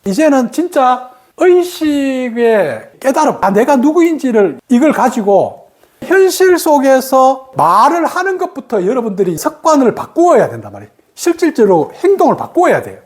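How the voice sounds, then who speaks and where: A woman with a Gyeongsang accent teaching a meditation class, animated and acting out the speech of others in changed voices. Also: high voice, normal speed. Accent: Gyeongsang Korean. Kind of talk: spoken meditation lesson.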